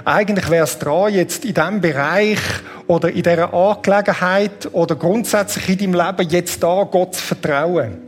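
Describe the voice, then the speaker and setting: A man preaching, earnest and conversational, slowing down on key points. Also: high-pitched. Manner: leads a guided meditation. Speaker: pastor. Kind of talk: sermon.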